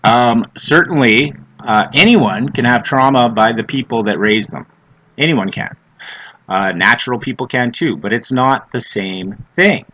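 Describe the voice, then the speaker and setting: Middle aged guy, smokers rasp, sharp forceful voice, opinionated vlog rant, repeats himself for emphasis. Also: mid-range voice, expressive, unhurried. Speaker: vlogger on adoptee issues. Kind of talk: opinionated off-the-cuff monologue.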